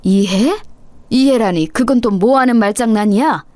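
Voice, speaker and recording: A woman's voice: on the high side, moderate pace, a little mellow, no echo, natural voice. A woman doing an indignant scolding mother-in-law. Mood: outraged. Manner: scolding, accusatory. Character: indignant middle-aged stepmother-in-law, scolding.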